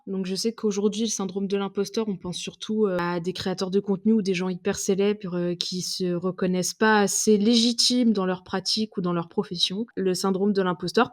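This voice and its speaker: A woman's voice: medium pitch, darkish tone. A woman in her twenties from southwestern France, hosting a casual, confessional solo podcast in an unscripted, hesitant, chatty way. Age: 20s. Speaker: podcast host.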